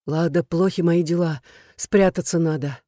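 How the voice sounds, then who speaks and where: A reader voicing a frightened, shaken young man who speaks quietly. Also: fairly high pitch, fairly even intonation, normal speed, dry recording, clean studio sound, close to an everyday voice.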